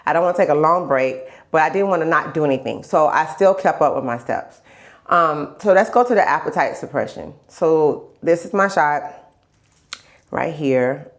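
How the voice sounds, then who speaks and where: A vlogger documenting her health journey talks casually and candidly in a rambling video diary, her voice stuffy as she recovers from a lingering cold. She speaks low, at a moderate pace with lively intonation, repeating phrases for emphasis.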